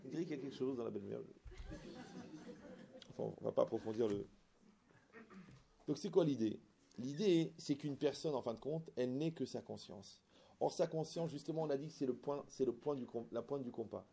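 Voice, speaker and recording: Male religious lecturer, husky gravelly voice, animated, quizzes the crowd. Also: medium pitch, brisk, pauses often. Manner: animated, asks the audience rhetorical questions. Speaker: religious teacher. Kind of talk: lecture with anecdotes and humor.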